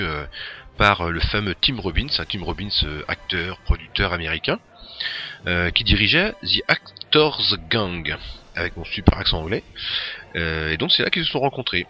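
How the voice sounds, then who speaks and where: A man's voice: low voice, sharp tone. A man hosting a casual talk about a film, hesitant and full of fillers. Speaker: host presenting a film. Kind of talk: casual chat.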